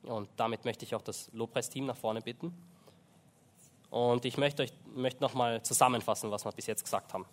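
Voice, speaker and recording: A man preaching a sermon in a church, earnest and halting, with many fillers and restarts. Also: mid-range voice, steady tone. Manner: earnest, slows down for emphasis in prayer.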